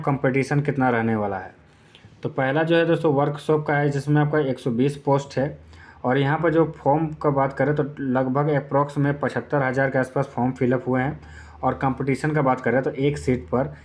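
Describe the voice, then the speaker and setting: This man's voice is fairly high in pitch with a darkish tone. Presenting exam-prep material on YouTube, he explains informally and step by step to candidates, leaning on filler phrases and repetition.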